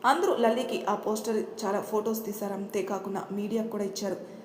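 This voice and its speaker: A woman narrating a serialized love story as host of her channel, in a steady storytelling manner. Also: medium pitch, brisk. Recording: roomy home recording with faint noise.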